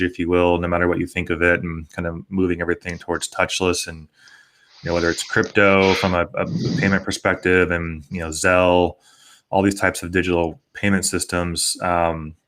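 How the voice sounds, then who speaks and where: Deep-voiced American man, flat delivery. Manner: rambling, peppered with conversational tags. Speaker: podcast host. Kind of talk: casual panel discussion.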